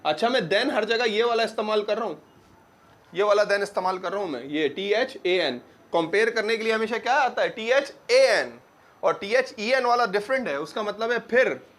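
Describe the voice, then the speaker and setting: A young man teaching grammar to a class, asking questions and answering them himself, and repeating words slowly to drill them. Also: sits high, expressive, a bit bright. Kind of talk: classroom lecture.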